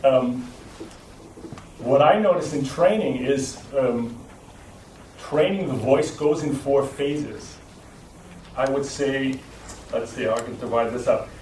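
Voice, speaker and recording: A man's voice: medium pitch, slow pace, long pauses, a little mellow, slight background noise. A man teaching a voice class to a live group, explaining step by step and often restarting his sentences. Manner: explanatory, with frequent restarts and checking "right?". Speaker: voice trainer. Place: lecture room with audience. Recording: echoey room recorded from a distance.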